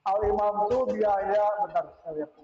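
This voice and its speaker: Man on a video call, voice echoing and booming, fairly high-pitched, muffled dull sound, polite hesitant questioning, faint hiss behind. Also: fairly even intonation. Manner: polite, hesitant, restarts and lists items slowly. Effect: voice echoing and booming over the call line. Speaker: parent asking a question at an online school meeting. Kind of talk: casual question at a meeting. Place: indoors in a room. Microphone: online video call. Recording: echoey, muffled, breaking-up call audio.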